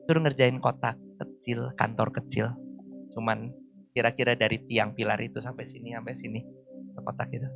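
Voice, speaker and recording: A man in his forties preaching a sermon, telling personal stories in a lively voice that swings between loud and soft. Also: lowish voice, vocal fry. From Indonesia. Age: 40s. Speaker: pastor. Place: church service.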